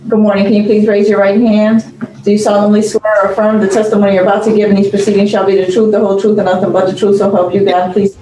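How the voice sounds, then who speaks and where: A woman's voice: medium pitch, little pitch movement, fast, dark tone. Female clerk in an echoey, noisy room. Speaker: hearing clerk. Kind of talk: formal case announcements and oath. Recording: echoey room, clear background noise.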